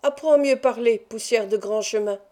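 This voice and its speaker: A woman voicing a spiteful old female nurse who scolds in a shrill, railing voice. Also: moderate pace, warm tone, natural voice. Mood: scolding.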